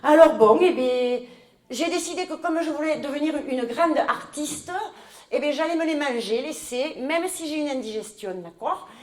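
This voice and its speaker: A woman's voice: sits high, lively intonation, normal speed, darkish tone. A woman playing a talkative middle-aged mother from the south of France with a southern French accent, rambling and indignant in a live comedy sketch. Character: chatty southern French mother, newcomer, scheming. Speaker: comic stage character. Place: large echoey hall. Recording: roomy live hall sound.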